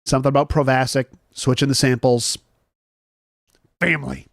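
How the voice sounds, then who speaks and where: A young man chats loosely on a relaxed morning stream, wandering from story to story and tossing jokey asides to his viewers. His voice sits at a middle pitch. The recording is close and dry, with almost no room sound. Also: normal speed, creaky, no room sound. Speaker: host. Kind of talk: casual morning chat with live chat.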